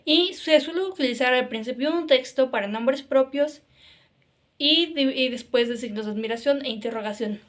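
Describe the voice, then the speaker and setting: A woman teaches a grammar lesson in a fairly high voice. She explains patiently, step by step, and often adds "ok?" or "claro" to check that her listeners follow. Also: normal speed. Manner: explanatory, frequent "ok?" and "claro" fillers.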